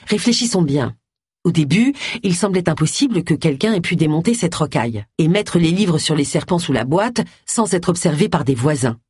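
A woman's voice: fairly low pitch, darkish tone, slightly rough, dry recording, studio quality. A reader voicing a stubborn middle-aged woman sleuth. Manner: determined, reasoning aloud. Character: stubborn amateur woman sleuth, sharp-minded.

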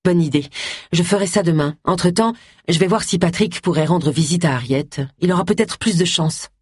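A reader voicing a stubborn, sharp-minded middle-aged woman sleuth in an audiobook, thinking aloud with determination. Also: fairly low pitch, moderate pace, husky, no room sound, studio quality. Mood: reasoning.

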